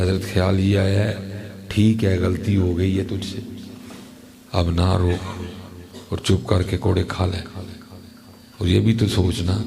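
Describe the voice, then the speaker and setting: A man's voice: sits low, vocal fry. A man preaching a storytelling sermon, slipping into asides and chanted verse.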